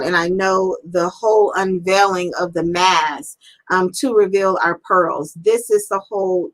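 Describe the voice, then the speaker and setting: A woman's voice: fairly low pitch, fairly bright tone, rough recording. A woman hosting a live-streamed interview, talking in an effusive, upbeat and encouraging way. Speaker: interview host.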